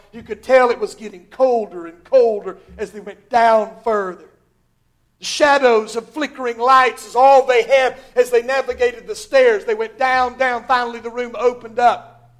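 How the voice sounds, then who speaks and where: A man preaching a sermon with dramatic delivery, rising to shouts and falling to near whispers. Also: very high voice. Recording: podcast sermon recording.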